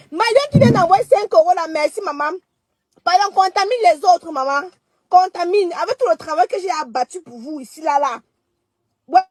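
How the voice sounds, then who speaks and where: A young adult woman, talking on a livestream in an emphatic, declaiming way that swings between soft and loud. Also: very high-pitched, no echo. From Cameroon. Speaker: live streamer. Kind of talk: livestream monologue.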